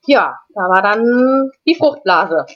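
A woman guest in an interview, telling a personal story in a casual, halting way with frequent restarts and repeated words. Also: mid-range voice, animated. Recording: dull lo-fi recording.

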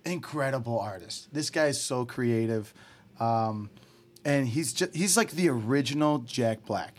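A man's voice: mid-range voice, measured pace. A man, a band member, talking casually on a podcast and rambling through stories with many fillers. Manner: rambling, laid-back storytelling with many fillers.

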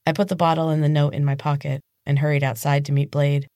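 A woman with a low, mellow voice reads her own fantasy novel aloud as a dramatic, scripted audiobook narration; she is a podcast host and author. Her delivery is flat and quick. The studio-quality recording has no room sound.

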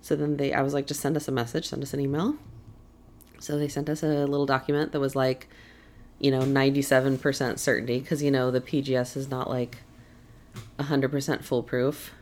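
Relaxed young woman, casual chat. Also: rumbling low, fairly quick, a little hiss or hum. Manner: relaxed, laughs often, soft murmured agreements. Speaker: podcast co-host.

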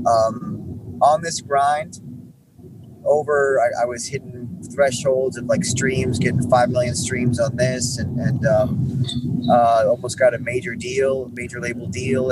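A young man telling his faith story in relaxed conversation, rambling with many restarts. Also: mid-range voice. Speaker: guest musician. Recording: background noise.

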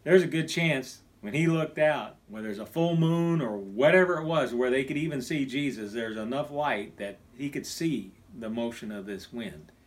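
A middle-aged man from Kansas, a pastor, preaching a recorded sermon in a voice of ordinary pitch. He is animated, swinging from emphatic bursts to a near hush for quoted words. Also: normal speed, hardly any pauses.

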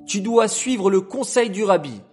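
A firm, insistent wife in a storybook tale, as a male narrator puts her on, raised high above his own voice. She speaks slowly and leaves no room for doubt. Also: animated, breathy edge, soft background music, exaggerated voice.

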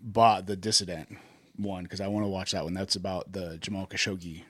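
A man's voice: deep voice, a little fast, dry recording, clean studio sound. A man hosting a podcast, chatting casually and hesitantly with frequent "um"s. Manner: relaxed, hesitant with many "um"s. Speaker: podcast host. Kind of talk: casual interview chat.

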